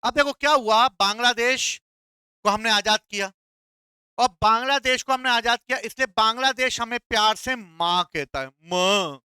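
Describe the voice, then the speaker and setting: A man's voice: very high-pitched, moderate pace, pushed and bright, clear, resonant tone, no echo. A male teacher giving a classroom lecture, playful and quizzing his students with call-and-response questions.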